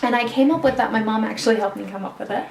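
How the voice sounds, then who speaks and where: A woman's voice: fairly high pitch, very fast, background noise. Earnest rambling woman in her thirties. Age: 30s. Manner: earnest, rambling, frequent ums and restarts. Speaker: vlogger. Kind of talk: casual chat to camera. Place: indoors in a borrowed home. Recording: roomy sound from a distant mic.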